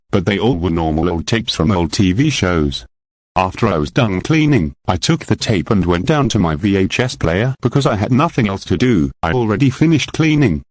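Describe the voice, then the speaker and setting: A young man reading a horror creepypasta aloud, halting and stumbling over the words. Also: low voice, no room sound. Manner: halting, stumbling read with slips and repeats. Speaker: creepypasta narrator. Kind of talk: amateur horror story reading.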